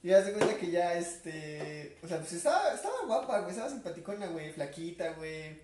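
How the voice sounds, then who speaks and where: A Mexican man with a high, sing-song and slightly mellow voice tells stories quickly in a casual podcast chat, as guest or co-host, saying "güey" constantly in slangy speech. He's off-mic in an echoey, roomy space with faint noise.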